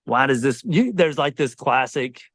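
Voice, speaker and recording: A man's voice: medium pitch, expressive, moderate pace, a bit bright, dry recording. A man in his forties, a Navy SEAL, talking earnestly and reflectively in a podcast conversation.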